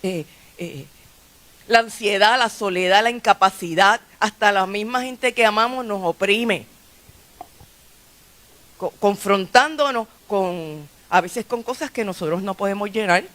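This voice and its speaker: Woman pastor, conversational sermon, frequent restarts, mid-range pitch. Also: unhurried, fairly bright tone. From Puerto Rico. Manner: conversational preaching with frequent restarts and light laughs. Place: church sanctuary.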